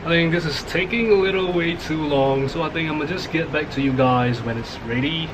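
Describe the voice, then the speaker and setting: A man's voice: fairly high pitch, brisk, noisy background. A young man chatting casually in a cooking vlog, joking with viewers while he whisks, tired and a little out of breath. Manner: playful, jokey, talks to viewers while whisking. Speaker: vlogger.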